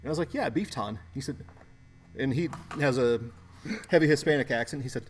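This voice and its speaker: A man's voice: mid-range voice, brisk, slight background noise. A man hosting a live card break, chatting easily and reading out card numbers. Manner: easygoing, reads card numbers aloud. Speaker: host of a card break show. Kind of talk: casual chat and live card break calls.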